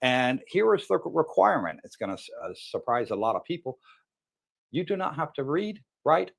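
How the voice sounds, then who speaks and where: A man hosts a casual livestream with a lively, swinging intonation. Missing teeth give his words a slight lisp. He talks chummily, as if to friends. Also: fairly high pitch, vocal fry. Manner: chummy, greeting viewers by name. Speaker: livestream host. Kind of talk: casual live chat.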